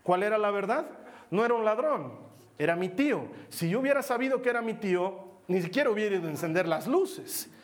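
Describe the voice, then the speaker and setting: Guy with a high voice preaching, lively storyteller, acts out the quotes. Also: a little fast. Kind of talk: sermon with personal story.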